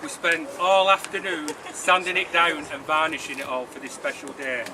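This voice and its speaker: A man giving a rambling, halting best man speech at a wedding, informal and joking. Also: fairly high pitch, steady tone. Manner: halting, joking, informal, loses his thread. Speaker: wedding speaker giving toasts. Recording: noisy outdoor recording with loud crowd. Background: crowd noise and ambience.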